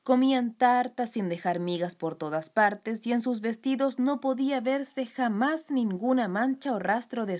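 A woman reading a children's story aloud with gentle, expressive storytelling. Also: medium pitch.

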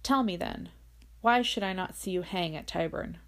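Brief: woman reading a stately rich gentleman, formal and commanding, low gravelly tone, storybook. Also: normal speed, close to an everyday voice. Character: wealthy gentleman collector, commanding and amused.

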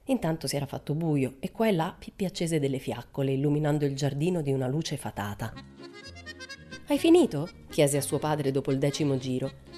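Woman narrator, audiobook reading, calm expressive storytelling, low dark voice, faint music. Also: fast.

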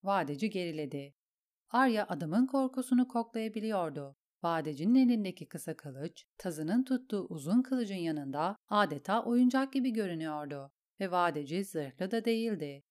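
A woman narrating an audiobook in a steady, measured storytelling voice. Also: on the low side. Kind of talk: audiobook reading.

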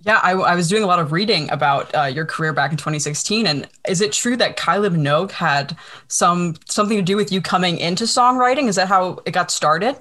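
A woman's voice: fairly low pitch, brisk, a bit bright. A woman with a standard American accent, hosting an interview in casual chat. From United States. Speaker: interviewer, podcast host.

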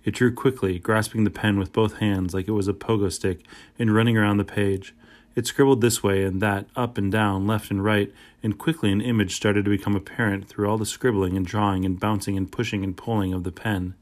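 A man narrating a children's chapter book aloud, telling the story in the first person. His voice sits on the lower side. The storytelling is steady and plain. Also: fairly quick. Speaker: audiobook narrator.

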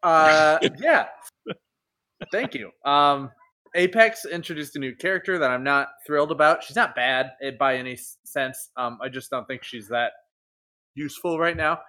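A man's voice: on the high side, moderate pace, pushed and bright. A man co-hosting a casual gaming podcast, teasing the others and rambling on with lots of ums. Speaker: podcast co-host.

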